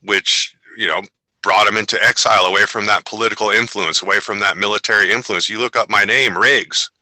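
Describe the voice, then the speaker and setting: A man talks over a video call in a low, sharply bright voice, with a very dry, close sound. He tells stories in an animated way and drops into playful voices along the way. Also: brisk, no echo, rough recording. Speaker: network member, roundtable guest. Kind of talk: casual video call chat. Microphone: video call microphone.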